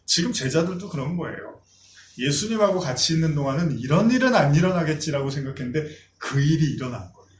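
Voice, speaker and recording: A man's voice: a little high, big pitch swings, quick pace, roomy sound, a little hiss or hum. A man preaching a sermon as a pastor, talking to his congregation in a conversational way and acting out the voices of people he quotes.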